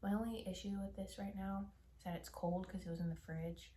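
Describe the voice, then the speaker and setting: A young woman chatting casually while she eats on camera, candid and swearing offhandedly, often dropping into soft whispered asides. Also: mid-range voice, fairly even intonation, a little fast, reverberant. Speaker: mukbang vlogger. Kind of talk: casual mukbang chat while eating.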